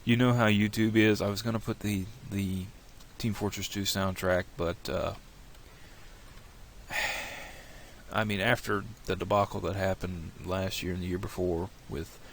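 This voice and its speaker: Slightly nasal from a cold, this tutorial creator's very low, gravelly voice walks step by step through software at a measured pace and steady tone. He thinks aloud, rambling and starting over, while faint hiss lingers beneath his desktop mic.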